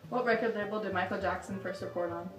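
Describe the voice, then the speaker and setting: A woman's voice: medium pitch, steady tone, quick pace. A young woman in her late teens talking casually with a friend during a challenge video. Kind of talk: casual chat. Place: small room at home, indoors. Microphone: camera a few feet away. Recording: echoey room, distant mic, music behind.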